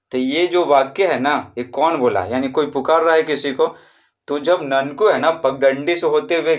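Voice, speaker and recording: A man with a Bihari Hindi accent, teaching a primary-school textbook chapter. He repeats and drills the answers and draws out words to show how someone calls out. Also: medium pitch. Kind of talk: explaining a textbook chapter to pupils.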